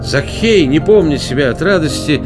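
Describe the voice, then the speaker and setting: A man narrating a children's Bible story in an expressive storytelling manner. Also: a little high, normal speed, over music.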